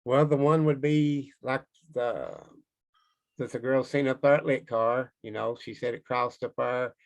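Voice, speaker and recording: Gravelly Eastern Kentucky man, plain-spoken. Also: mid-range voice, steady tone, a little slow. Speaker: interview guest, Bigfoot researcher. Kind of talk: casual conversational recounting.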